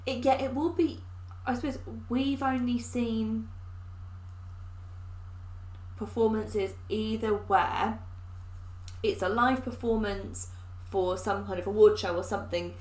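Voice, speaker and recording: A woman's voice: on the high side, steady tone, slow pace, a little mellow, echoey room, low-quality recording. A woman with an English accent, co-hosting a casual reaction chat and working through her thoughts with many restarts. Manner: thoughtful, explains at length with restarts. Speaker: co-host.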